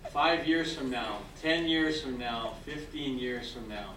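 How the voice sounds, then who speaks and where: With an unhurried, mid-range voice of fairly bright tone, an older francophone Canadian speaks encouragingly to new citizens at a ceremony. His repeated "okay?" checks on the audience in the big hall. The audio echoes, distant and noisy.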